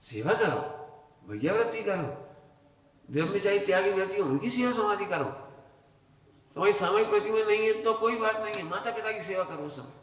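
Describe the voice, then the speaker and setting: A man's voice: high-pitched, lively intonation, moderate pace, pauses often. A man giving a religious discourse as a Jain preacher, telling stories and acting out their dialogue. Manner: storytelling with acted dialogue. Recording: echoey hall reverb, faint ambience.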